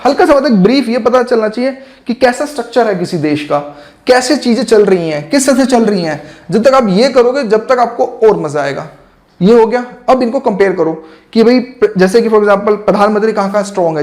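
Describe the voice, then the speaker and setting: A man's voice: sits high, a little mellow. A man teaching exam preparation in a casual, chatty lecture style, addressing students directly with lots of asides.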